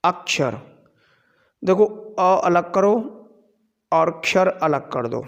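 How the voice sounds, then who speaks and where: Slow, high-voiced man teaching grammar. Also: lively intonation, vocal fry, clear, resonant tone, lo-fi sound. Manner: explains slowly, asks and answers his own questions. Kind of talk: classroom lecture. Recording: long hall reverb.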